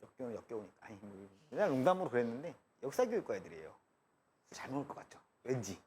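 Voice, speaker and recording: Lively, joking male math teacher. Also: mid-range voice, quick pace, slight background noise. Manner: joking, chatty, bouncing between asides and explanation. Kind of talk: live classroom lecture. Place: lecture room.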